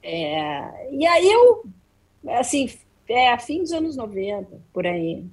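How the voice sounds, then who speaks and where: A middle-aged woman, appearing as a guest journalist in an interview, tells stories animatedly and acts out the dialogue. Her voice is a little high and her pace slow, and she sounds slightly distant from the mic.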